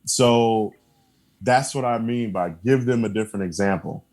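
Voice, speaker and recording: A man with a fairly low voice speaks as a podcast guest. He talks in a relaxed, earnest way, hammering his points home with repeated affirmations. He breaks into short laughs between points. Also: normal speed. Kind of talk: casual conversation.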